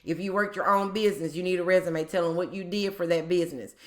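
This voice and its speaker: A woman's voice: on the low side, fast, a little mellow. A woman hosting a job-tips video, explaining in a casual, chatty way with frequent ums and repeated points. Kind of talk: casual explainer talk to viewers.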